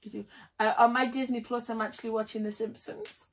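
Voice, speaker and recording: Woman, bubbly chatter, fairly high voice, livestream talk to viewers. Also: flat delivery, normal speed, a little hiss or hum. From United Kingdom. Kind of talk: casual livestream chat while building.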